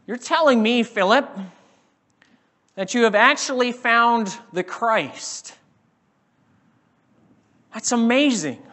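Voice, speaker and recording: A man's voice: extremely high pitch, animated, takes it slowly, pauses often, pushed and bright, voice pushed up, heavily acted. A preacher acting as an incredulous male disciple. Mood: excited. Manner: incredulous, exclaiming. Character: astonished skeptical male disciple. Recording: echoing hall reverb.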